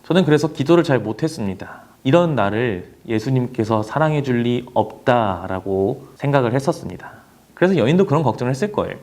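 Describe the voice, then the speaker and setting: A man's voice: medium pitch, lively intonation, a little fast, a little mellow. A young man preaching to teenagers, telling a story dramatically and speaking the characters' inner thoughts aloud. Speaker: youth pastor. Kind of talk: sermon to teenagers.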